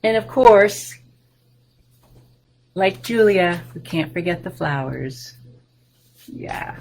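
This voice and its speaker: Reading to little ones on a webcam video call, a children's librarian in her sixties shares a picture book and some plants from a home room with bookshelves. Her voice is fairly low and gravelly yet warm, slow and sing-song with big excited rises, and the recording is rough.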